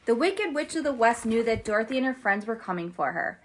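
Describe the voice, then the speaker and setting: Animated woman reading stories to kids. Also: a little high, a little fast. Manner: animated and chatty, addresses viewers as "you guys". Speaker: children's story reader and host. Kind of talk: storybook read-aloud for kids.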